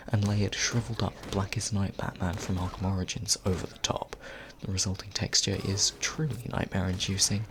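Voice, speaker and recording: Hushed British man, low and gravelly, right in your ear. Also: background noise. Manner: self-deprecating, dry humour. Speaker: video game mod YouTuber, host. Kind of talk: hushed close-up commentary over gameplay, ASMR-like.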